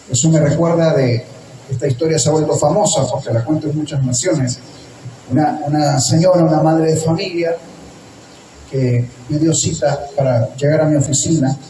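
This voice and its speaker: A man preaching a sermon, telling a story with animated, emphatic delivery. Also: on the high side, echoey room, recorded from a distance, a little hiss or hum, low-quality recording. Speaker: pastor.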